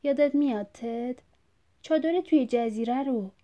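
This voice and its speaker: A woman's voice: high voice, warm tone, natural voice. A woman reading a story aloud, voicing a confused, bleeding old father who rambles and repeats himself insistently. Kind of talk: audiobook reading.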